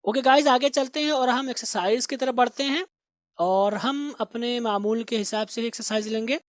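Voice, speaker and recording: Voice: mid-range voice, dry recording. Teacher, patient and repetitive, recorded close and dry. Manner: explains slowly, repeats words for pronunciation. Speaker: English teacher. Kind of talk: spoken grammar and vocabulary lesson.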